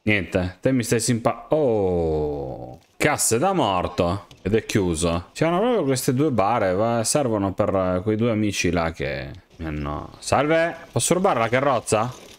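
A young man playing a game, joking and excitedly talking to the characters around him. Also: lowish voice, measured pace. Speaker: gamer. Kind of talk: game commentary, role-playing as himself.

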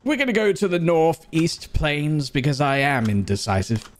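A man giving playful game commentary, talking to himself and breaking into silly high yelps. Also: big pitch swings, normal speed. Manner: joking, talks to himself, sudden high yelps. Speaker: gaming streamer. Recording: game music behind the voice.

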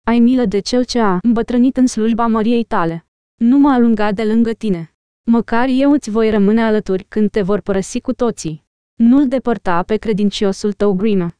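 A woman's voice: on the high side, dark tone, clear, resonant tone, no room sound, close to an everyday voice. A woman reading a sly, groveling old counselor in an audiobook, wheedling and pleading.

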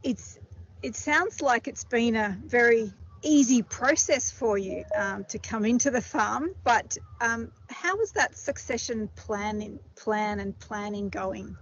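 A woman interviewer asking a farmer measured questions out on a farm. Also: a little high. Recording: dull audio with clear background noise.

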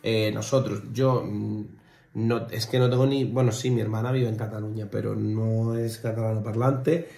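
This reaction channel co-host is a young Spanish man whose first language is Spanish, rambling casually with plenty of fillers and restarts. His voice sits on the low side, level in tone, gravelly and mellow, at a normal speed. A fixed camera on a desk captures him in his living room, and the audio carries a roomy home echo.

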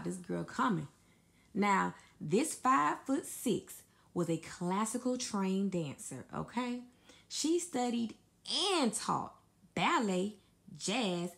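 Hoarse, gravelly-voiced woman vlog host. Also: mid-range voice, poor audio. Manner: lively, addresses viewers as y'all, repeats okay. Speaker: celebrity gossip vlog host. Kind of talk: casual chatty narration.

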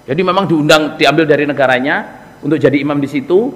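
A man with a Javanese accent giving a lively storytelling sermon, joking with the congregation. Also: fairly high pitch, fast talker. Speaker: preacher. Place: mosque. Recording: echoey hall reverb.

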